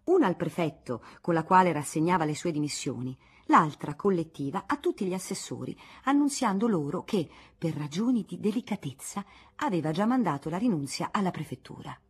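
Woman narrator, literary audiobook, husky voice, lively intonation, lowish pitch. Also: brisk. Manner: expressive, theatrical narration.

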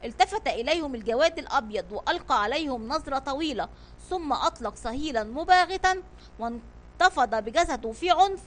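High-voiced woman telling a children's story. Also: a little fast. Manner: expressive read-aloud with restarts. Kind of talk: children's audio story narration.

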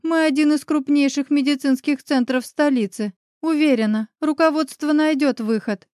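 A woman's voice: high-pitched, normal speed, a little mellow, no echo, clean studio sound, pitched above the performer's own voice, close to an everyday voice. A woman voicing a nervous, officious female doctor in an audiobook. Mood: flustered. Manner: nervous, pleading. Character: flustered female doctor, middle-aged, officious.

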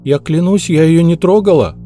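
A man voicing a frightened young female maid who pleads and makes excuses in a rushed, tearful way. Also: fairly high pitch, warm tone, faint music behind, voice pushed up, lightly acted.

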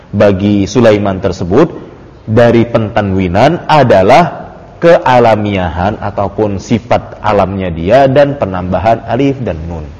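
A man's voice: on the low side, a little mellow. A man teaching Arabic grammar in an informal study circle, explaining patiently with many fillers and easy laughter. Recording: dull lo-fi audio with long reverb.

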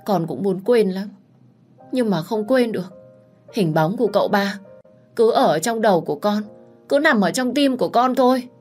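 A woman voicing a young, heartbroken servant girl who is crying and answering back in a raised, shrill voice. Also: animated, moderate pace, a little mellow, soft background music, natural voice. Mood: tearful. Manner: sobbing, shrill when angry.

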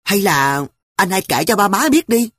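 A storyteller voicing a timid young girl who whines and pleads in a high, wavering voice. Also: big pitch swings, moderate pace, fairly bright tone, no room sound. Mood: needling. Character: frightened little girl, the narrator's younger sister. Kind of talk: audiobook character voice.

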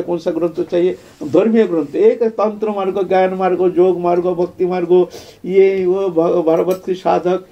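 An older man giving a devotional spiritual discourse, telling his life story in a reflective way with repeated phrases and soft trailing fillers. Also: sits high, creaky, highs cut off, noisy background. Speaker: spiritual speaker.

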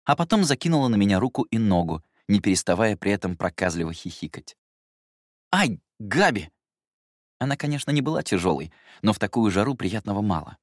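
A man reading a first-person story aloud in a calm, measured way. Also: lowish voice, no echo, clean studio sound. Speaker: audiobook reader. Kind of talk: first-person audiobook narration.

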